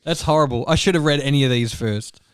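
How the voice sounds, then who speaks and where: A man hosting a podcast in casual chat, excitable, laughing and apologizing a lot. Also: medium pitch, fast, clean tone, no room sound, clean studio sound. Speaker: podcast host.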